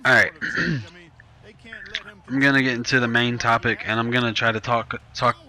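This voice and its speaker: A man's voice: mid-range voice, little pitch movement, normal speed, bright, forceful tone, low-quality recording. A nineteen-year-old man, chatting loosely over his gameplay as a gaming YouTuber and often correcting himself. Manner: loose, rambling, self-correcting chat. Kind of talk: casual gameplay commentary.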